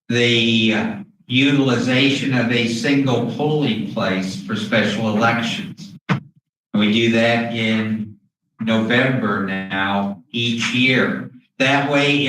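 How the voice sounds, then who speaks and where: A man speaking through a face mask, explaining things haltingly as an official at a public meeting, with pauses and throat clearing. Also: mid-range voice, fairly bright tone. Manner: hesitant, with long pauses and frequent throat clearing. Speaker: school district official presenting to a board. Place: indoor meeting room. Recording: very echoey room, distant mic, faint noise.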